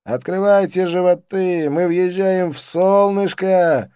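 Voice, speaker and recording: A man voicing an excitable, manic young man who exclaims loudly and giggles, in an audiobook reading. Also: a little high, measured pace, dry recording, clean studio sound, pitched above the performer's own voice. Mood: exuberant urging. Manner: raised, loud, exclaiming delivery with giggles.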